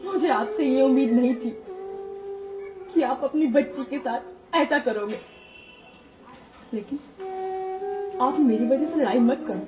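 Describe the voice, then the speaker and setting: A woman's voice: high-pitched, measured pace, long pauses, lo-fi sound. A woman playing a tearful cast-out young wife. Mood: hurt, resigned. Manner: tearful, pleading. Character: young married daughter cast out by in-laws. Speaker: daughter. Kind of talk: devotional family melodrama. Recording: loud background music score.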